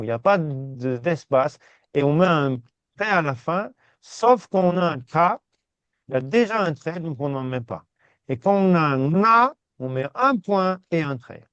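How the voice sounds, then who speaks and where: A man teaching a language class, reassuring his students and repeating words slowly. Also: a little high, a bit bright, no room sound. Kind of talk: patient step-by-step class. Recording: dull, dry sound.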